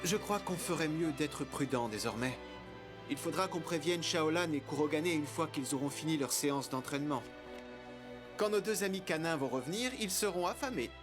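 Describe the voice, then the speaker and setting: Man acting an easygoing, high-voiced young man. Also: lively intonation, normal speed, music in the background, natural voice. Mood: thoughtful. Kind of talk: anime dub acting.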